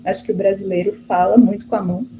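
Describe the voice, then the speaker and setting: A woman's voice: medium pitch, steady tone, racing. A middle-aged woman from Brazil, a guest professor answering interview questions in a chatty way, full of fillers and restarts. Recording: faint background noise.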